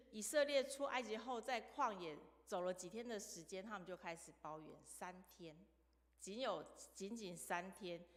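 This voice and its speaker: A woman preaching a sermon. Her mid-pitched voice tells stories and puts questions to the congregation. The long reverb of a church sanctuary trails behind every phrase. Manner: storytelling, asks the congregation questions.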